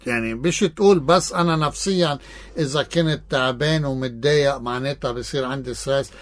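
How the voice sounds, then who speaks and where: A Lebanese man speaking as an expert guest on a radio talk show. His voice sits a little high for a man, and he explains step by step, often checking in with a quick rhetorical question. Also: a bit bright. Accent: Lebanese Arabic. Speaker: psychologist guest. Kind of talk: radio interview.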